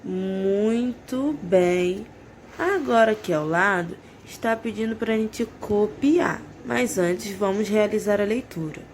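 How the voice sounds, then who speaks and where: A Brazilian woman teaching preschoolers handwriting, reading words slowly and repeating each one for copying. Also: medium pitch, a little mellow, slight background noise. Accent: Brazilian Portuguese. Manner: slow, drawn-out dictation, words repeated for copying. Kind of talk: slow handwriting lesson for children.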